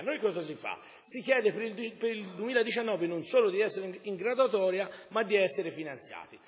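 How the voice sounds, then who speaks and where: Deputy mayor, fairly high voice, long-winded and repetitive in a council speech, chamber reverb. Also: male voice. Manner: repetitive, explanatory, speaks in circles.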